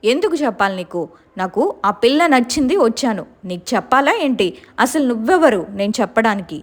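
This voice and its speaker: A woman's voice: on the high side, expressive, brisk. A woman voicing the stubborn ghost of a young woman in a told story, defiant and pleading.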